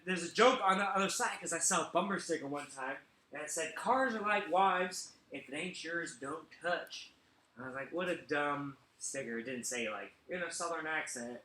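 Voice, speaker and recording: A man tells jokes in a loose, offhand way, tossing in dry asides. His voice sits a bit high and bright. The room around him is echoey. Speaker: stand-up comedian. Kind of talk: live-stream stand-up and banter.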